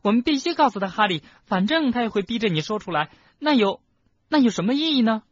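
A man voicing a frightened, clever teenage schoolgirl witch in an audiobook, with loud, shrill, pleading outbursts. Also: lively intonation, fast talker, no echo, lo-fi sound. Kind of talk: audiobook character reading.

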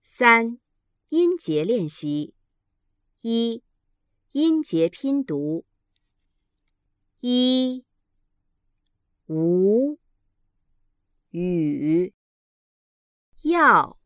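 A woman reading textbook pronunciation drills, enunciating each word carefully with a pause between them. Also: on the high side, big pitch swings, dry recording, studio quality. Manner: carefully enunciated, each syllable held apart. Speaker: language teacher reading drills.

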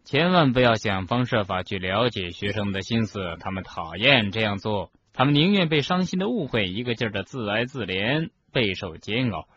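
A man voicing a sly, scornful old portrait who talks quickly and louder than the narration, in an audiobook. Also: lowish voice, animated, lo-fi sound, slight background noise. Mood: sneering.

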